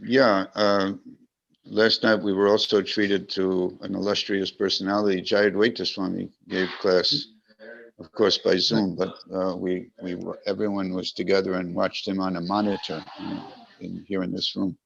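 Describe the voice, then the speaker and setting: A man with a growling, gravelly voice, talking casually and wordily as a participant commenting in a class, in a rambling, self-deprecating way. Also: low voice, little pitch movement, moderate pace. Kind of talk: casual spoken comment and question. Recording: dull, lo-fi internet call.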